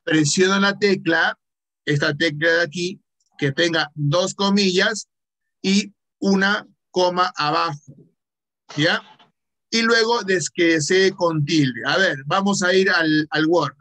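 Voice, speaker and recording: A male teacher with a Peruvian Spanish accent talks slowly through an online computer lesson. His voice is fairly high and bright, and he patiently asks questions and then answers them himself.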